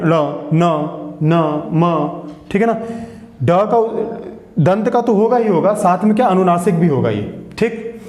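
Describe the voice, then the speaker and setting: A man teaching a grammar lesson, sounding out each letter slowly and asking students to repeat after him. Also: sits high, a little mellow, echoey room.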